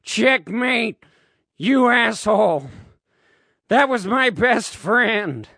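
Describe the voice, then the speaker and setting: A man's voice: high voice, expressive, drawn-out words, dry recording, clean studio sound, voice pushed up, heavily acted. A man doing a hot-headed young wizard. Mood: furious. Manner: shouting, cursing, then cowed.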